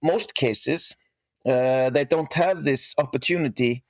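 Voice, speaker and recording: A middle-aged Icelandic man speaking as a guest in a casual interview, pausing and restarting often as he explains. His voice sits at an ordinary pitch. The sound is dry and close, with almost no room. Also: no echo. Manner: halting, many restarts and fillers. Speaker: guest, horse breeder and national team coach.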